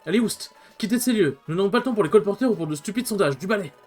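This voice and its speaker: A man putting on a bossy male bird Pokémon, all shrill witch-like tones and haughty orders. He rattles along quickly, pitched a touch high, with a faint music bed behind him. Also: lively intonation, a little mellow. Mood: dismissive. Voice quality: shrill witch-like voice, man's version. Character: bossy self-important male bird Pokémon, guild's right hand.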